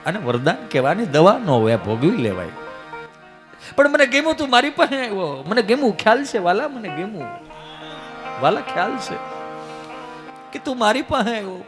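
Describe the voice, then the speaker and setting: A man from telling comic stories on a live stage, acting out the characters' dialogue in shifting voices. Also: high voice. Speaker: stand-up comedian. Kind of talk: Gujarati folk comedy storytelling. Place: live stage at a religious gathering.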